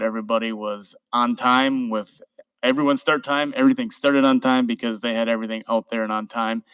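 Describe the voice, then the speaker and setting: Chairing a city council meeting in the council chamber, a man speaks informally into a desk microphone and thanks city staff. His voice is lowish, a bit bright and smooth, in a dry recording.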